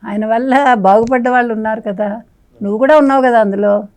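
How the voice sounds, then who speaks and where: A woman's voice: on the high side, fairly even intonation, brisk, a crowd in the background. A woman guest on a political talk show, scolding and firing off rhetorical questions, now and then slipping English phrases into her speech.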